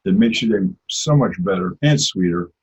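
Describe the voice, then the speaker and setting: A man's voice: sits low, animated, moderate pace, darkish tone, breathy edge. A man teaching an informal religious class, talking in a conversational way and telling personal stories. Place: lives in Israel. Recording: dull lo-fi recording.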